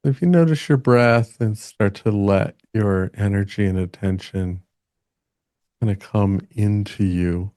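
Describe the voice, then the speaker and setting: In a mellow, soft-edged voice on the low side, a man gently leads a meditation. He talks very slowly in short, halting phrases separated by long pauses, and the recording is close and dry with no room echo.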